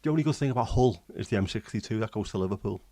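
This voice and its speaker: Racing through casual livestream chatter, an Englishman reads and answers comments, rambling and restarting with many ums. His fairly low, dark voice is expressive.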